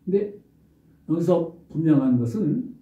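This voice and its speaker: A male pastor preaching a sermon, telling the story with lively rhetorical questions. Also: a little high, measured pace. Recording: roomy distant dull recording.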